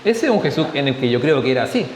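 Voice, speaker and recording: A man's voice: medium pitch, big pitch swings, very fast. A man with a Chilean accent giving a conversational church Bible study, often checking in with his listeners and slipping in jokes. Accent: Chilean Spanish. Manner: conversational, often adds tag questions, jokes. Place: church hall. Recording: echoey hall, faint hiss.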